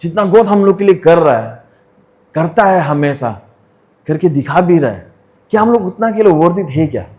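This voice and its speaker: A man's voice: fairly high pitch, animated, moderate pace, a little mellow. A young man from Arunachal Pradesh in India, telling his personal testimony to a congregation in a storytelling way, mixing in English phrases and asking the listeners questions. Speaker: testimony speaker at church fellowship.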